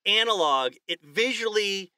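A man's voice: high-pitched, animated, measured pace, sharp tone, clean tone, no room sound. Man, podcast co-host, casual joking chat, thinks aloud, dry studio sound. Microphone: studio microphone.

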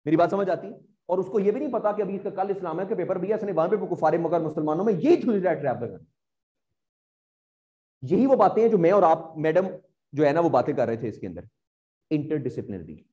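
A man's voice: high-pitched, lively intonation, a little fast, warm tone, muffled recording. Rhetorical man lecturing exam students. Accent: Pakistani Urdu. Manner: rhetorical, keeps asking if students follow. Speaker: CSS exam teacher.

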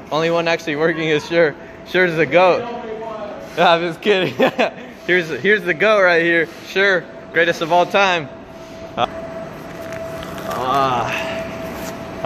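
A young man films a casual vlog on his phone in a big warehouse, teasing his coworkers and laughing a lot. His voice sits a little high. Loud warehouse noise runs behind him. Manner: teasing, jokey, laughs often. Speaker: vlogger filming coworkers. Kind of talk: casual joking vlog chatter. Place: large warehouse floor, indoors. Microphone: handheld phone camera. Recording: noisy warehouse ambience.

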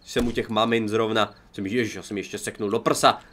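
A young man, commentating his own survival game playthrough, chatty and joking, with excitable outbursts. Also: on the low side. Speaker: gaming YouTuber. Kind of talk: let's play commentary.

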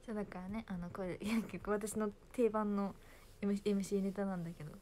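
A woman's voice: mid-range voice, steady tone, fast talker, dark tone, a little hiss or hum. A young woman, chatting casually and giggling on a phone livestream. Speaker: idol livestreaming to fans.

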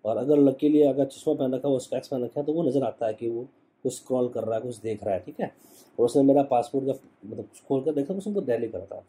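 A man's voice: medium pitch, quick pace, warm tone, breathy edge. A young man, a travel YouTuber, telling a story in a casual, slangy way and often adding "ठीक है".

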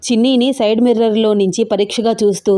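A woman narrating a romance for an audio story channel. She reads in a steady storytelling manner. Her voice is mellow and warm, set slightly high. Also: fast talker.

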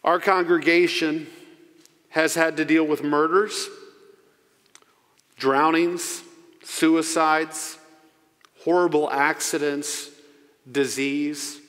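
Middle-aged guy preaching into a pulpit mic, voice a bit high, long church reverb, earnest and slow on the big lines. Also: steady tone, fairly bright tone. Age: 40s. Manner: earnest, slowing down to stress key phrases. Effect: preaching into a pulpit microphone. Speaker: pastor. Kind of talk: sermon. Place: church sanctuary. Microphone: pulpit microphone.

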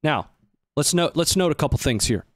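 In a small indoor studio, a man in his thirties talks into a close desk microphone on a boom arm, giving casual live commentary on footage as a stream host. His fairly high voice has lively intonation at a moderate pace, and the recording is dry.

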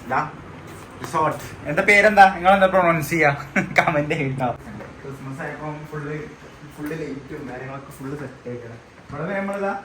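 A man, vlogging casually as he shows people around a resort. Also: fairly high pitch. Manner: chatty, keeps checking "all set?". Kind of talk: casual tour vlog. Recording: steady background noise.

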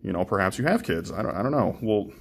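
Laid-back lowish-voiced man opening cards. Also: fast, gravelly, husky. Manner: relaxed, chatty, swears casually, frequent ums and restarts. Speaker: card-breaking channel host. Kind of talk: casual card-opening commentary.

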